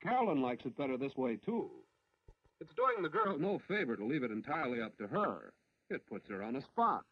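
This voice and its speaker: A man's voice: medium pitch, very animated, brisk, slightly rough, dry recording. An American man narrating a 1940s instructional film like a newsreel narrator, in an instructive, approving way. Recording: dull, lo-fi 1940s film soundtrack.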